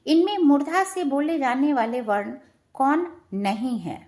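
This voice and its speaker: A woman's voice: sits high, lively intonation, measured pace, a little mellow. A woman teaching a grammar lesson to students, patient, repeating each question and answer and checking in with them often. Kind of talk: classroom lesson explaining to students.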